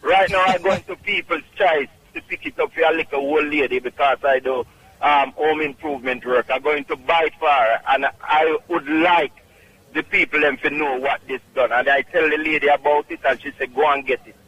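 A man's voice: a little high, brisk, fairly bright tone, poor audio. A man with a Jamaican accent calling in to a radio show, talking emphatically and insistently. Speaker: radio caller. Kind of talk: phone-in testimonial.

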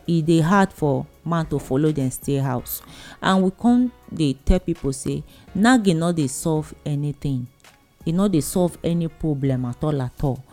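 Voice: medium pitch, dark tone. A programme host with a Nigerian accent giving advice on family life in a conversational, preachy way, repeating phrases for emphasis.

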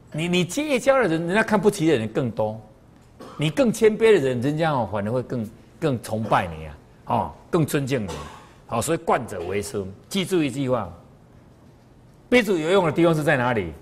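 A man giving a moral lecture to a class, telling stories in a colloquial way full of sentence particles. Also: mid-range voice. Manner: animated colloquial storytelling with frequent sentence particles.

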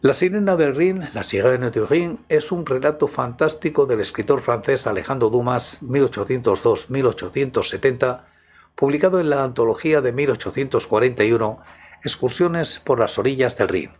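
A man with a husky voice narrating scripted tales as the host of a story programme. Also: mid-range voice, moderate pace. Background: music.

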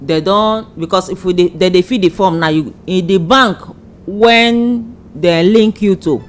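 A woman's voice: fairly low pitch, a little slow, faint music behind. A Nigerian woman speaking Nigerian Pidgin as a panelist in a casual radio discussion.

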